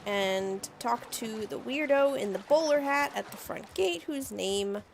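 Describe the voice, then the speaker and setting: A woman's voice: a little high, unhurried, gravelly, soft background music. A woman streamer chatting dryly while playing a game, with wry asides. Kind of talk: casual gameplay commentary.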